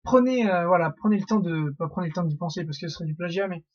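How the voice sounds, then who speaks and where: A man's voice: high-pitched, quick pace, a little mellow, lo-fi sound. A young man hosting a casual theory monologue, rambling with many fillers and restarts. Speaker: YouTube theory host.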